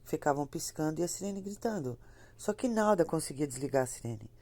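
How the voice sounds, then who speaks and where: Though slightly congested with a cold, the woman spinning this ghost story speaks briskly in a low, warm, expressive voice. Her casual horror storytelling is chatty and repetitive, and she talks straight to the people listening.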